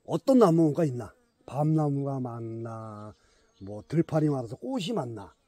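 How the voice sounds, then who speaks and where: A man's voice: mid-range voice, animated, a little slow, mellow, dry recording. A middle-aged man vlogging outdoors in a mountain forest, chatting emphatically to his bees and to his viewers. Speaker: beekeeper vlogger. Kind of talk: casual outdoor vlog.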